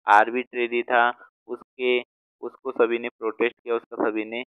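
A man teaching vocabulary in a class, going slowly and repeating each word as he writes it out. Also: mid-range voice, flat delivery, smooth, no room sound. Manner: slow, repeats words while writing them out. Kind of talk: explaining word meanings in a class. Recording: tinny phone-like sound.

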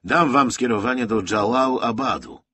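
A man voicing an irritable, harried army lieutenant colonel in an audiobook who shouts in a high, strained voice. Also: moderate pace, a little hiss or hum, lightly acted. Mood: hurried.

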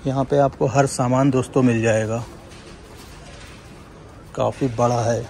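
A young vlogger from India strolls through a large indoor supermarket, filming on a handheld phone and keeping up a conversational patter in which he keeps saying "friends." His mid-range voice is steady and darkish at a measured pace, with a little hiss or hum.

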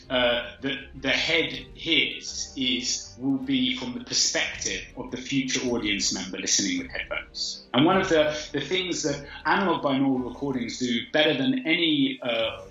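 Bright-voiced man on a video call. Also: mid-range voice. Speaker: interviewee, audio producer. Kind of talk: interview answers. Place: home room, video call. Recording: dull echoey video-call audio.

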